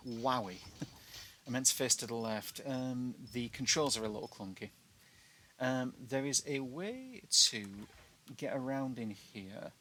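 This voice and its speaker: This British gamer walks through a video game in a chatty, self-deprecating way, swapping his T's for glottal stops. His mid-range voice sounds pushed and bright, and there's noticeable background noise in the clip.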